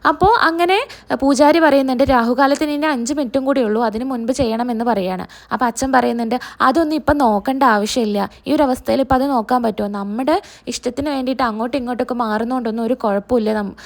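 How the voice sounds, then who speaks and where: A woman's voice: on the high side, quick pace. A woman narrating a recap of a TV serial episode, retelling each character's lines in her own voice. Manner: narrates and voices all characters' quotes herself.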